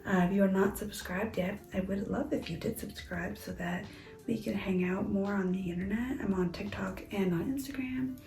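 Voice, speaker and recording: Softly half-whispering woman, gravelly tone. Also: mid-range voice, normal speed, reverberant, soft background music, low-quality recording. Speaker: crafting vlogger. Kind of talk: casual chat. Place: home, indoors.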